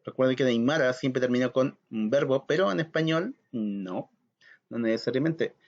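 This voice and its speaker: A man teaching a recorded language lesson, slow and patient, repeating words for learners to practise. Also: medium pitch, a little mellow, dull audio.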